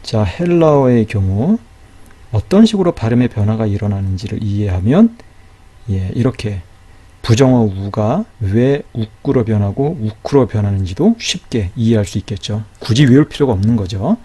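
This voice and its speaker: A man's voice: on the low side, lively intonation, moderate pace, warm tone, slightly rough. A man teaching a grammar lesson in a patient, explanatory way, often checking in with a rising "right?". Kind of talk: recorded lecture.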